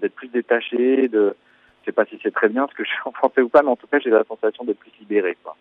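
A French man in his forties, a musician answering radio interview questions in a thoughtful, explanatory way, pausing on fillers. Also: mid-range voice, dry recording. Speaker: musician guest. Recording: tinny phone-like line, dry.

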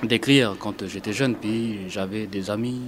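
A man from New Caledonia, an author, talking thoughtfully in an interview with hesitant pauses. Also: lowish voice, fairly even intonation. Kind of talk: reflective interview talk. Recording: outdoor background noise.

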